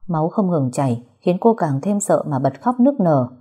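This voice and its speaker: A woman narrating an audio story in a steady, dramatic way. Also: deep voice, normal speed, slightly rough.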